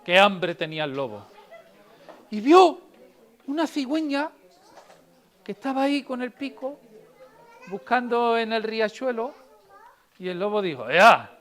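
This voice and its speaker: A woman storyteller reading and telling tales to children in a library, lively and asking them questions. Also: on the high side, unhurried, long pauses.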